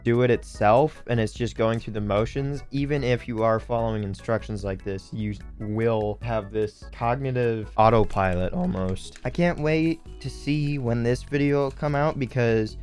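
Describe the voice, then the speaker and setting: A man's voice: medium pitch, normal speed, hardly any pauses, a little mellow. Sniffly young man rambling casually over music. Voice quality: sniffly nose. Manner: rambling, thinking aloud. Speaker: video host building Lego. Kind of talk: casual hobby vlog commentary.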